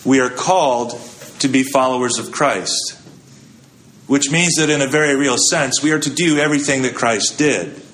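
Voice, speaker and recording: A man's voice: medium pitch, normal speed, fairly bright tone. A male pastor giving a sermon in a conversational way, asking the congregation questions and answering them. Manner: conversational preaching with rhetorical questions.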